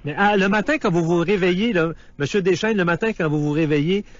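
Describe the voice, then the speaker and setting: A man's voice: sits high, fast talker, dull audio, a little hiss or hum. A man hosting a radio interview, asking casual, chatty questions with some restarts. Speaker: radio host.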